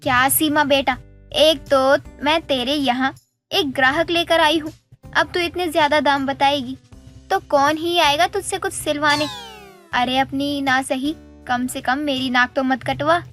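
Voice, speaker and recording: A woman's voice: high voice, fairly even intonation, unhurried, a bit bright, faint music behind. A woman voicing a proud, bossy middle-aged neighbor aunty in a cartoon story, talking in a scolding way. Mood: coaxing.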